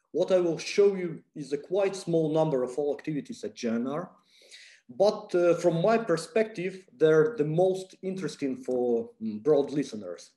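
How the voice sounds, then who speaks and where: A man with a Russian accent giving an online popular science lecture, speaking haltingly with frequent fillers and restarts. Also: a little high, mellow. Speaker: physicist lecturer. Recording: echoey room.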